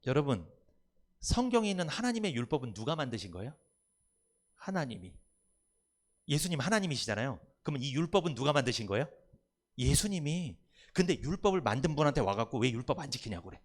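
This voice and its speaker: A man's voice: medium pitch, big pitch swings, brisk, long pauses. A male pastor preaching a Sunday sermon in church, putting questions to the congregation and answering them himself. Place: church sanctuary.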